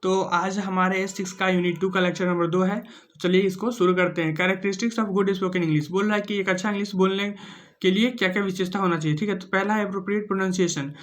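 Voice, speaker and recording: A man with a fairly high voice delivers a casual teacher-training lecture. He reads each English heading slowly, then explains it with simple everyday examples, often checking in with his listeners. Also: fairly even intonation. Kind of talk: casual exam-prep lecture.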